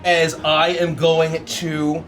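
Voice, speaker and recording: A man's voice: on the high side, completely flat delivery, slow pace, a bit bright. A man talking casually as a player in a tabletop game, explaining his moves. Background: music.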